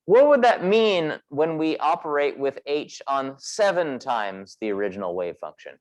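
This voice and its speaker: During a recorded class session, a male physics instructor lectures step by step, putting questions to the students along the way. His voice leans high and is very animated, delivered at a normal speed.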